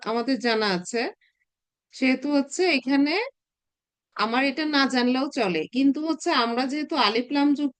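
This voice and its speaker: A woman, teaching a recorded Arabic grammar class and explaining patiently, often pausing on filler words as she thinks. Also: fairly high pitch. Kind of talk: recorded online class lecture.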